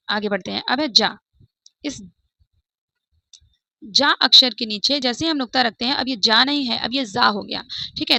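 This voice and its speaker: A woman teaching a Hindi pronunciation lesson, explaining slowly, repeating example words and asking and answering her own questions. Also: high-pitched, creaky, bright, forceful tone, no echo.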